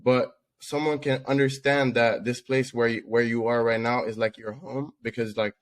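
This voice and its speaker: A Dutch man co-hosts a podcast, his medium-pitched voice moving at a moderate pace. He tells stories casually and with animation, tossing in slangy asides.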